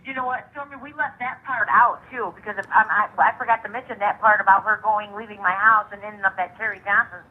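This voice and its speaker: A woman's voice: medium pitch, steady tone, breathy edge. A woman calling in from jail, talking over a prison phone line in a casual, loose way that trails off. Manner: talks fast and loosely, trailing off. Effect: heard over a prison phone line.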